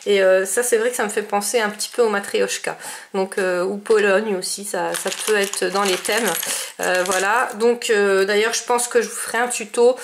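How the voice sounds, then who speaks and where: A woman's voice: mid-range voice, steady tone, moderate pace, a little hiss or hum. A woman chatting casually about the crafting mail she received, with many fillers and restarts. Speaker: scrapbooking vlogger. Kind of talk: casual chat showing mail.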